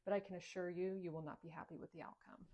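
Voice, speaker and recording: A woman's voice: lowish voice, steady tone, fast talker, dull audio. A woman acting in a comedy skit, firm and assertive, recorded in an echoey room. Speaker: teacher and comedy skit creator.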